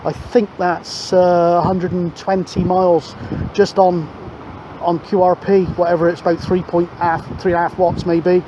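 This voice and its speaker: Wind and outdoor ambience fill a dull recording of a man on the seashore doing casual CB radio chat and narrating to camera in a matey, rambling way. His voice sits high, with a level tone and moderate pace.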